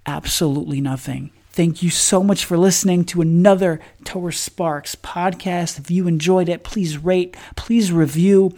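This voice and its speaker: A man's voice: sits high, normal speed, hardly any pauses, dark tone. A man hosting a podcast, giving a motivational religious talk with emphatic, repetitive phrasing that builds through stacked lines.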